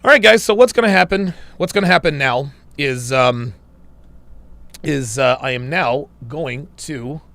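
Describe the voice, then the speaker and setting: This man is hosting a relaxed livestream and reading super chats from viewers, often laughing and sounding wry. He's losing his voice, so there's a slight strain. His pitch is fairly high, his pace a little slow, and the tone a bit bright in a dry, echo-free recording.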